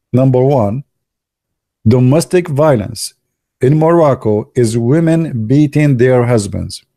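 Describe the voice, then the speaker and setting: A man's voice: medium pitch, warm tone, dry recording, studio quality. A man joking and teasing his viewers in casual commentary, with non-native English phrasing. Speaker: video commentator.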